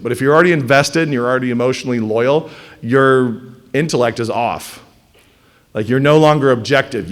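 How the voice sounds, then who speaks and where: A man giving a blunt, animated lecture to a live class, sometimes mocking the voices of others. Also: mid-range voice. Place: classroom or hall with audience.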